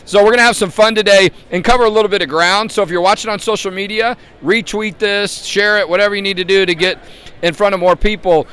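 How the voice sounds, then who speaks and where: A man's voice: high-pitched, fairly even intonation, fast talker, fairly bright tone, slight background noise. A man hosting a casual live interview in a chatty, rambling manner. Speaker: host, advocacy group president. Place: convention floor.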